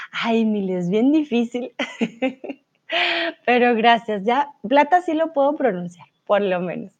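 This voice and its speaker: A woman teaching Spanish in a live online lesson, chatting and reading viewers' comments aloud, saying words slowly and carefully for learners. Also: a little high, dark tone. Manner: slow, careful pronunciation for learners. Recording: slightly dull, lo-fi sound.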